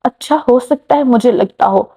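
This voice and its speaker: A woman's voice: fairly high pitch, moderate pace, mellow, slightly rough. Woman voicing a teasing young man. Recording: muffled lo-fi recording.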